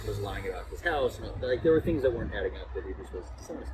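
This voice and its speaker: A man's voice: fairly low pitch, expressive, very fast. Guy guest on a casual podcast telling stories, teasing and playful, pretty noisy audio. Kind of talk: casual anecdotal podcast chat. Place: seated in an ice bath at a retreat. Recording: clearly noisy ambient background.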